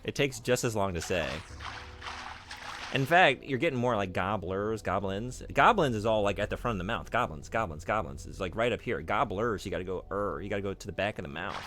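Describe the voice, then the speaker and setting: A man's voice: on the low side, a little fast, a bit bright, a little hiss or hum. A man streaming a video game, chatting casually and joking with his chat. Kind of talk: casual chat while playing.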